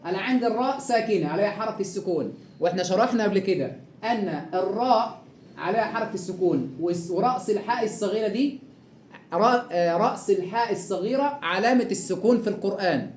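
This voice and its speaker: A man with an Egyptian accent teaching Quran recitation rules, stretching out example words slowly and quizzing the listener. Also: high-pitched, roomy sound, slight background noise. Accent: Egyptian Arabic. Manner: drawn-out slow repeating of example words, quizzing questions. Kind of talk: tajweed lesson.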